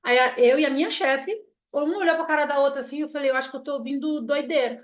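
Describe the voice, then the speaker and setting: Brief: middle-aged woman, high voice, animated storyteller, blunt and frank. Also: quick pace. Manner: animated storytelling, acting out quoted people; blunt, self-mocking. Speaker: family constellation teacher. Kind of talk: casual spoken lesson.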